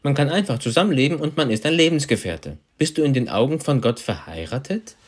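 A man interprets a sermon phrase by phrase, following right behind the preacher. His delivery is animated, with pitch moving up and down freely. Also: brisk. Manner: renders each phrase right after the preacher.

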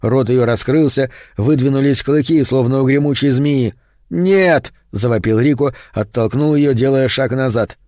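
Male audiobook narrator, dark mellow voice, horror reading. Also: mid-range voice, no room sound, studio quality. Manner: steady, measured storytelling.

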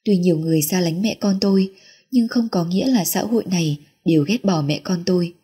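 Very husky, mellow woman storyteller. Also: on the low side, fairly quick. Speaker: audiobook narrator. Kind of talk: first-person storybook narration.

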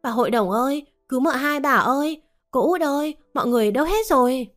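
A frightened young maid, as a woman storyteller puts her on, shrieks high and loud for help. Her calls climb in pitch and force. Faint music plays under the reading. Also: expressive, normal speed, natural voice. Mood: panicked. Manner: shrill panicked shouting. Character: frantic young female servant girl.

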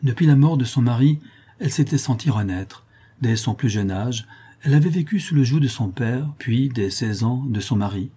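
A man reading a historical novel aloud in measured storytelling narration. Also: mid-range voice, animated, mellow, slightly rough. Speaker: audiobook reader.

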